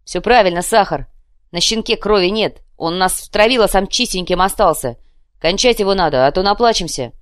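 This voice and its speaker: A woman's voice: medium pitch, moderate pace, no room sound, clean studio sound, close to an everyday voice. A woman voicing a ruthless hulking thug. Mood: ruthless anger. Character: huge hulking male digger, cold and ruthless. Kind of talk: audiobook character voice.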